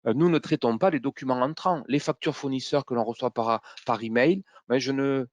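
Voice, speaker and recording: A man's voice: medium pitch, no echo. Man with a Toulouse accent presenting. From Toulouse, south-west France. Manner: hesitant, many fillers and restarts. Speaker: consultant trainer presenting software. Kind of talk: webinar presentation.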